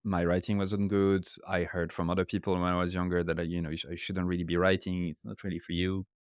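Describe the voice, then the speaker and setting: A man from France, an author appearing as a podcast guest, explains ideas casually in accented English, his second language, frequently checking in with "right?" in interview talk. His voice sits low, clear and resonant, with a flat delivery at a fast pace, in a dry, studio-quality recording.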